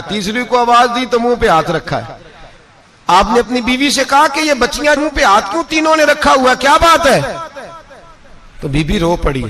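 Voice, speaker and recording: A man's voice: high-pitched, a bit bright. A male preacher telling a moral story in a sermon, impassioned and building to emphatic peaks.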